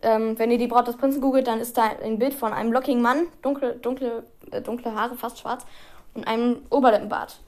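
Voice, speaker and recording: A woman's voice: a little high, steady tone, brisk, darkish tone. A teenage girl chatting casually on her podcast, rambling with lots of fillers, walking around as she records. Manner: walks around while recording. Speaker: podcast host. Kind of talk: casual chat.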